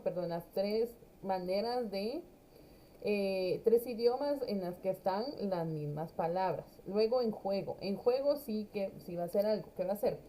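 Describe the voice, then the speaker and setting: A woman teaching an English class, explaining each step in Spanish and sounding out English phrases slowly and carefully. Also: medium pitch, dark tone, low-quality recording. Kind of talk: recorded class lesson explaining a textbook.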